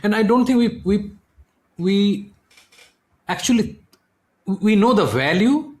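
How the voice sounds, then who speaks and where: A man's voice: sits high, animated, slow. A man hosting a podcast interview, talking thoughtfully and repeating words as he reaches for his point. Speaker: podcast host. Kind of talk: conversational interview. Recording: echoey room.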